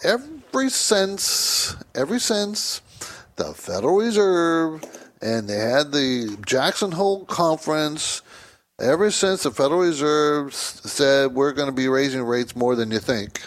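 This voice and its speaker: Rambling man hosting a call-in show. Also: mid-range voice. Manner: casual, rambling, repeats points for emphasis. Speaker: radio talk show host and financial advisor. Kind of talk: call-in finance radio talk. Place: studio in Southern California.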